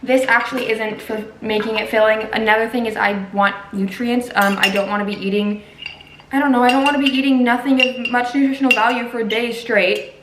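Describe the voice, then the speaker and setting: A woman with a fairly high voice talks casually through her food while recovering from having her wisdom teeth out. She sounds like a home vlogger in a clearly echoey room, with faint noise behind her. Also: steady tone, a little fast, fairly bright tone. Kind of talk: casual chat to camera, narrating meals.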